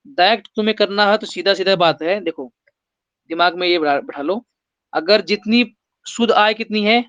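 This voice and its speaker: A man's voice: high-pitched, moderate pace, a bit bright, dry recording, dull audio. A man teaching an exam-prep maths lesson, explaining step by step and putting rhetorical questions to his students.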